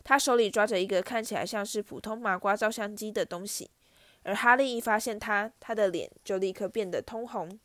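A woman narrating a storybook chapter aloud in a steady reading voice. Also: medium pitch, fairly quick, dry recording. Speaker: audiobook reader.

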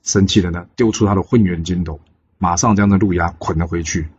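A man telling a legend in a lively way, with exclamations and drawn-out filler particles. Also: deep voice, a little hiss or hum. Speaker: storyteller. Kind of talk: oral storytelling of a legend. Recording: dull lo-fi recording.

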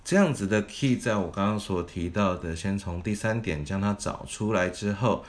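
A man's voice: on the low side, normal speed. A man teaching a singing lesson, explaining vocal technique methodically, step by step. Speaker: vocal coach.

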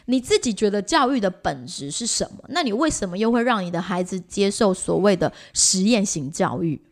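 Casting: female podcast co-host, medium pitch, Taiwanese Mandarin accent, casual explanatory delivery. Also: big pitch swings, brisk. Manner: explanatory, giving examples. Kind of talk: casual conversational chat.

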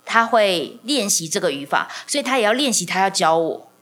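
A woman's voice: medium pitch, brisk. A woman, a podcast host telling stories in casual conversation and acting out dialogue. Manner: animated, acts out dialogue with frequent laughter. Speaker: podcast host and communication teacher.

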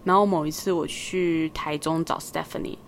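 A young woman with a Taiwanese Mandarin accent, co-hosting a podcast and telling a story in casual chat, lively and animated. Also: sits low, normal speed, slight background noise. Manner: lively, animated storyteller who acts out quoted voices. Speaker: podcast co-host.

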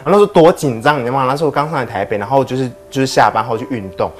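A young man from southern Taiwan, a guest telling a lively story in a casual chat with a lot of laughing. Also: mid-range voice, very fast. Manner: animated storytelling, laughing often.

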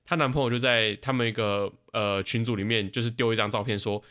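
A man co-hosting a podcast, telling stories in casual chat, animated and laughing, with casual swearing. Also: on the low side, fast. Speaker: podcast co-host.

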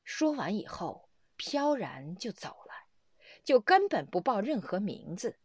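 Slow, lively woman telling a tale. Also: mid-range voice, breathy edge, dry recording, clean studio sound. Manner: animated storytelling with exclamations. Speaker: Buddhist teacher. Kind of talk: storytelling sermon.

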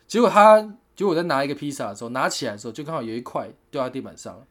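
A man's voice: mid-range voice, sing-song, racing. A young man, telling rambling anecdotes in casual chat and laughing often. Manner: rambling anecdotes full of 'this way' fillers, laughs often.

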